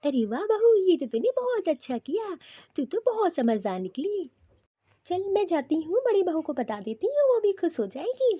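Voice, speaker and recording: A woman's voice: very high voice, very animated, normal speed, warm tone, no room sound, lo-fi sound. A woman voicing a bossy older mother-in-law in a cartoon, scolding and nagging. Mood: pleased.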